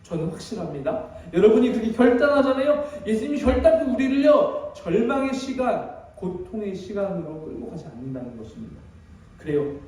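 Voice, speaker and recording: A man's voice: high-pitched, very animated, brisk, a little mellow. A man preaching an emotional sermon as pastor, dramatic and emphatic, with many rhetorical questions. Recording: very echoey hall, distant mic.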